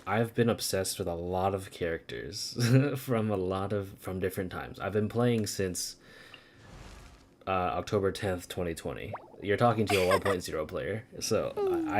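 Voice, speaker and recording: A man chats casually while streaming a video game, rambling as he thinks aloud and swearing now and then, with game music behind him. His voice is deep and moderately paced, and there is a little hiss or hum.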